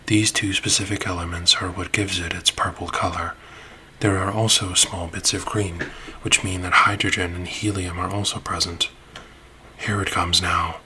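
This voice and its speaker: A man narrating a space-ship ASMR roleplay in a soft, soothing voice that drops into whispers. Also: low voice, slight background noise, poor audio.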